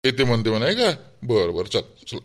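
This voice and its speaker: A man's voice: mid-range voice, wildly swooping pitch, brisk, a bit bright. A man voicing a fussy, self-righteous village man in a cartoon, with a Vidarbha Marathi accent, rambling and grumbling to himself. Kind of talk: cartoon voice acting.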